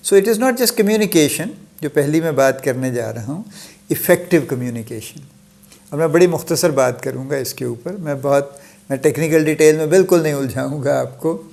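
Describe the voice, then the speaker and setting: A middle-aged man gives a solo talk in a casual lecture manner. His voice sits somewhat high for a man, and he mixes English phrases into his explanations with easy, unhurried asides. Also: vocal fry. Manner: conversational, mixes English phrases, soft chuckles, restarts. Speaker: host giving a solo talk. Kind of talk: informal lecture-style talk.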